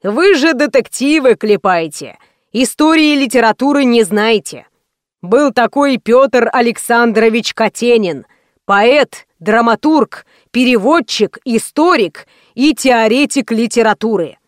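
A woman's voice: a little high, expressive, measured pace, no room sound, studio quality. A woman reading aloud and voicing a pompous, scornful middle-aged male writer with a huffy, condescending manner.

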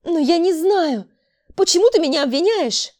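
A woman voicing a frightened, defensive younger sister who pleads and protests in a shrill voice. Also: expressive, a little slow, warm tone. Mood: desperate.

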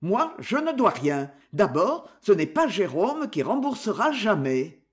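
A patient young husband who has finally put his foot down speaks firmly and curtly, as a man reading the novel gives him voice. The delivery is slow and measured. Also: high voice, very animated. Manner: firm, curt. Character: firm, patient young husband, now resolute.

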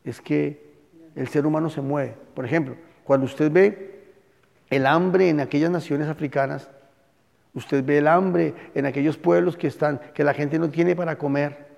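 A man's voice: on the high side, steady tone, normal speed, vocal fry, a little mellow. A male pastor with a Colombian accent, teaching a conversational sermon and questioning his congregation in a church hall. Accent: Colombian Spanish. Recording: muffled, long hall reverb.

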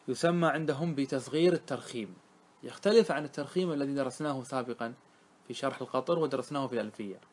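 Arabic grammar teacher reciting and explaining. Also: male voice, medium pitch. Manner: recites verses slowly, then explains and quizzes students. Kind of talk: classroom lesson on a grammar poem.

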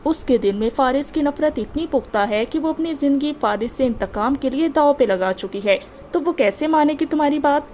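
A woman voicing a haughty, scornful older society woman in an audiobook, with a sharp tone. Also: high-pitched, lively intonation, hardly any pauses, slight background noise.

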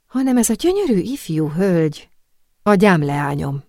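A woman reading the part of a worldly, self-assured male perfume master who acts as a guardian, in an audiobook, speaking calmly with gentle teasing. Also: lowish voice, no echo, clean studio sound.

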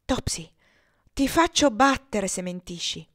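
A woman's voice: medium pitch, animated, unhurried, lightly acted. A woman reading aloud, voicing a stern, indignant spinster governess who scolds sharply. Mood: scolding.

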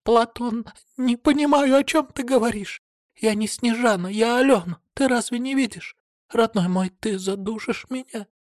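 A man voicing a deceitful young woman who feigns tearful fright, in a high, trembling, pleading voice, in an audiobook reading. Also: measured pace, no room sound, clean studio sound. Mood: panicked.

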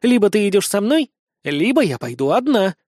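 A man voicing a bold, tipsy young woman soldier who talks in a squeaky, sulky, sassy way. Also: very animated, normal speed, a little mellow, no echo, clean studio sound.

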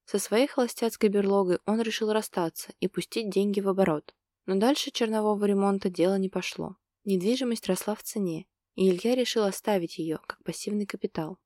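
A woman narrating a romance novel as an audiobook, telling it in an even, steady way. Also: medium pitch, brisk, no room sound, studio quality.

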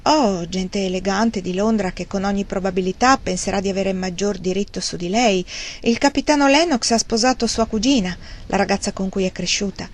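In an audiobook, a woman with a mid-range, brisk voice voices a wry, grieving old gentleman. Her reading is lightly acted, rambling, and self-mocking.

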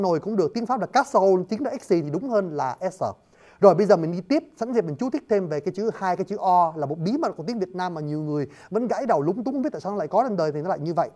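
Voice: mid-range voice, a little mellow. Casual lecturer, talks straight to listeners, spells words out. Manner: addresses listeners often, spells words letter by letter. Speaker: lecturer on word origins.

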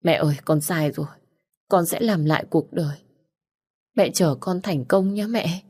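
A woman's voice: fairly low pitch, moderate pace, a little mellow, slightly rough. A woman voicing an anxious young son who speaks in a pleading, emotional way in an audiobook. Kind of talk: audiobook character reading.

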